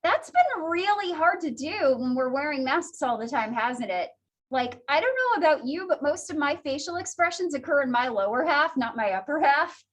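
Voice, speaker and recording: A woman's voice: sits high, big pitch swings, moderate pace, a bit bright. A woman teaching a psychology class in a chatty, conversational lecture style, laughing often. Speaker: psychology instructor.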